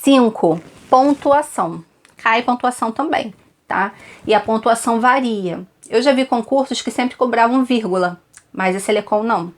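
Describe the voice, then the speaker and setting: A woman's voice: on the high side, normal speed. Chatty Brazilian woman teaching exam prep. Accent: Brazilian Portuguese. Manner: chatty, repeats tips, frequent "tá?" check-ins. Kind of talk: online exam-prep lesson.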